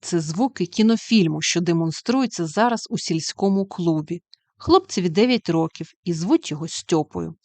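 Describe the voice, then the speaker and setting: A woman narrating a storybook aloud with expressive, lively storytelling. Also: fairly low pitch, normal speed, dry recording. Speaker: audiobook reader.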